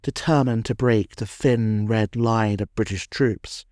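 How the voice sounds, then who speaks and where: A man narrating a history documentary from a script, in a measured, dramatic storytelling cadence. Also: fairly low pitch, darkish tone, no echo, studio quality.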